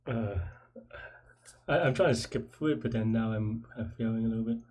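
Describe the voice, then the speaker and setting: Typing as he works through a programming puzzle on air, this man mutters hesitant, fragmentary thoughts in a casual way. He has a lowish, darkish voice with a breathy edge and a moderate pace. Faint noise plus keyboard clicks and typing can be heard.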